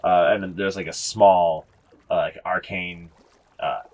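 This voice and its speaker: A man's voice: sits low, steady tone, measured pace, a little mellow. A young man narrating a tabletop game as game master, rambling with many fillers and casual swearing. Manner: rambling, lots of fillers, profane.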